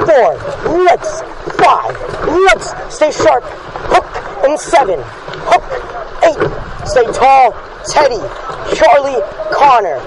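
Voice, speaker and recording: A male coxswain with a very high voice drives his rowing crew with urgent, commanding calls. He spaces out short counts and repeated words, with lively swings in pitch. It is recorded outdoors on the water, with heavy noise behind him. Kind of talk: shouted race calls to a crew. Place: outdoors in a rowing boat on a lake. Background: loud boat and water noise.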